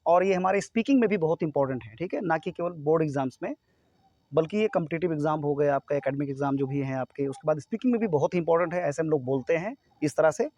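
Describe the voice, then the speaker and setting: A man's voice: fairly high pitch, expressive, quick pace, darkish tone, no room sound, highs cut off. A man from India teaching a grammar lesson to students, explaining step by step and often checking that they follow.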